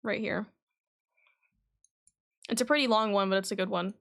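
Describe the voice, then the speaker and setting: Streaming a game, a woman chats casually with her viewers and reads game dialogue aloud as she plays. Her medium-pitched voice is fairly bright, with vocal fry, fairly even intonation and a normal speed, over faint background noise.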